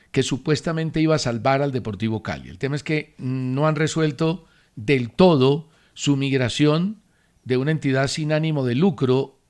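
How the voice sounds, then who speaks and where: A man hosting a sports radio talk show, giving his opinions in a measured, emphatic way. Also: on the high side. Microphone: studio radio mic.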